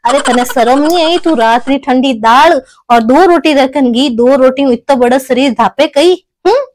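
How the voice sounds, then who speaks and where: A woman playing a sharp-tongued, fed-up older village mother in a family comedy skit, speaking with a Rajasthani Marwari accent and scolding with repeated tag questions. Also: high-pitched, normal speed, slight background noise, close to an everyday voice. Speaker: skit actor.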